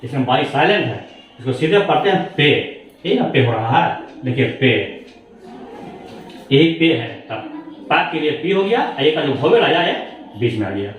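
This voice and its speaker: Lively man teaching in an echoey room. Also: mid-range voice, normal speed, long pauses, slight background noise. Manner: explains step by step, asking rhetorical questions. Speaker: shorthand teacher. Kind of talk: classroom lesson explanation. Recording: very echoey room, voice far from mic.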